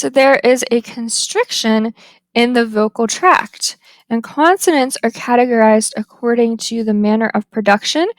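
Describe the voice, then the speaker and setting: A woman with a fairly high voice gives a phonetics lesson at an unhurried, careful pace. She lingers over each example word. The sound is dry and close, with no room echo. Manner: slow and deliberate, drawing out example words. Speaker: phonetics instructor. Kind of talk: slide-based lecture.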